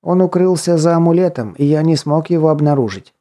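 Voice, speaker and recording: A man's voice: on the high side, brisk, mellow, voice pushed up, lightly acted. A man voicing a small, eared creature servant who speaks meekly and apologetically to its master in an audiobook. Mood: guilty. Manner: meek, apologetic.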